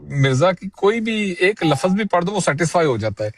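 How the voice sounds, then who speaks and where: A man's voice: high-pitched, very animated, slight background noise. A man hosting a casual panel discussion, talking emphatically and swearing oaths to stress his points. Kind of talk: casual heated panel chat.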